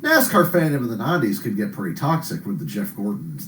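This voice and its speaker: A man's voice: lowish voice, very animated, fairly bright tone, far from the mic, slight background noise. A middle-aged man co-hosting a podcast, chatting casually and rambling through stories with frequent laughs. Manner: rambling storyteller, laughs often, quick interjections. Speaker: podcast co-host. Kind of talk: casual chat. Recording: roomy sound, set back from the mic.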